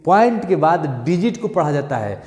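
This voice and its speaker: A male maths teacher, repeating steps and checking in often with "thik hai" and "clear". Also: fairly high pitch, big pitch swings, moderate pace, darkish tone, big-room sound. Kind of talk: classroom maths lesson.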